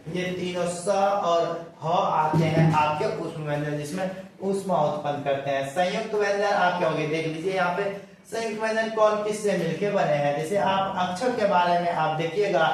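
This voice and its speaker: A man's voice: sits high, slight background noise. A man teacher giving a grammar lecture, asking his students questions and then answering them himself. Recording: echoey room, voice from a distance.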